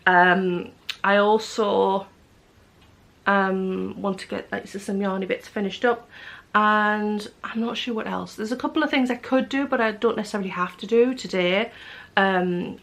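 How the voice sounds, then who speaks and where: A woman's voice: mid-range voice, gravelly, a bit bright. A woman vlogger chatting casually to camera, rambling with many fillers and restarts. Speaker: knitting vlogger.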